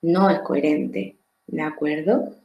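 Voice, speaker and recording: A woman's voice: low-pitched, fairly even intonation, slow pace, lo-fi sound. A woman, teaching a lesson on social skills. She explains step by step, often repeats words, and checks with the listener through tag questions. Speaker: trainer. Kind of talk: explanatory lecture. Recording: echoey room.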